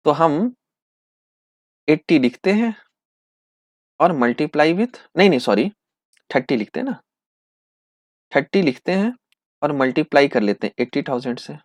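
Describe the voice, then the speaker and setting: A man teaching accountancy in with terms, asking questions and answering them himself, slowing right down to dictate entries. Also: a little high, dry recording. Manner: lively, asks and answers his own questions, slows to dictate entries. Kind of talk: classroom lecture acting out students' replies.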